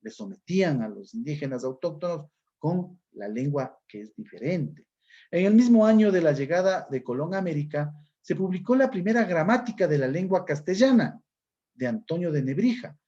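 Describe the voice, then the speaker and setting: Ecuadorian teacher, dark muffled voice. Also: male voice, on the high side, animated, moderate pace. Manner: explanatory, often adds "¿no es cierto?". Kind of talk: recorded class lesson.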